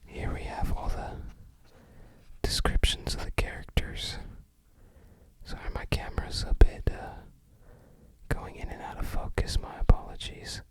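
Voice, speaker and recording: In a slow, unhurried clip, the ASMR host opens a package while murmuring gentle, wandering remarks in a breathy whisper that never becomes full voice.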